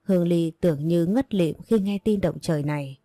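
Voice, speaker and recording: A woman narrating a story in a steady scripted reading, voicing every part in a mostly even voice. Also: on the low side, moderate pace, no room sound, clean studio sound.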